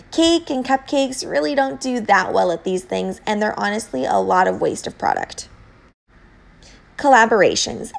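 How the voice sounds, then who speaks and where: A woman with a fairly high-pitched voice plays a home baker delivering scripted instructional tips. She explains things informally and clearly emphasizes the key points.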